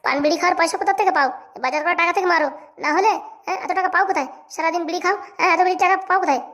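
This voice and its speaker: Shrill, nagging cartoon wife, voiced by a woman. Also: very fast, fairly bright tone. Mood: scolding. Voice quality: shrill, scolding. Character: sharp-tongued nagging young wife. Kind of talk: cartoon voice acting.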